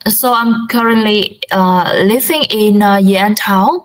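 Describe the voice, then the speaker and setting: Brief: young Vietnamese-accented female student on a video call, slow and hesitant, speaking English as a second language. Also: mid-range voice, rough recording. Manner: hesitant, many fillers and restarts. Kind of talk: practice speaking answer.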